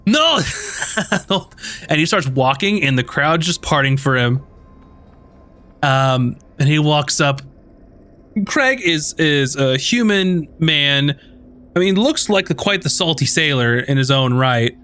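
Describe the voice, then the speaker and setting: A man narrating as game master, relaxed and rambling, with many ums and likes. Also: on the high side, unhurried, clear, resonant tone.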